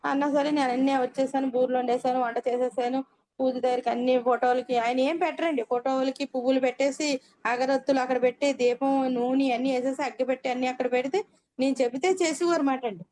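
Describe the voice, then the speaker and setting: Older woman with a high voice recounting her experience. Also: steady tone, fast talker, darkish tone. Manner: earnest storytelling, frequent polite "andi" endings. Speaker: meditation practitioner sharing her experience. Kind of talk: personal testimony.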